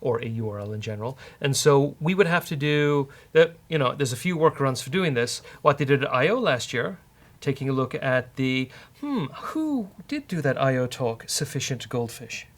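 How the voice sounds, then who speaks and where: In this casual programming session, the male host and instructor codes live while musing aloud with dry humor and some hesitation. His mid-range voice is expressive and his speed is normal.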